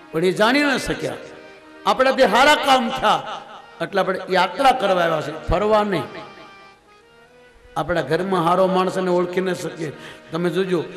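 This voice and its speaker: A man giving a devotional scripture discourse, storytelling and acting out the dialogue. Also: sits high. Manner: storytelling, acts out dialogue, chuckles often. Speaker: katha preacher. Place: large religious gathering hall. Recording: echoing hall with loud music.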